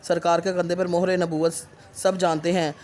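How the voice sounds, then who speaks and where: A man with a high voice delivers a storytelling sermon, switching quickly between the people of his tale as he recounts their exchanges. His pitch stays fairly level, with little rise and fall, so the telling has a steady, insistent drive. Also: a little hiss or hum. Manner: narrates a miracle tale, acting out dialogue in quick turns. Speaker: preacher.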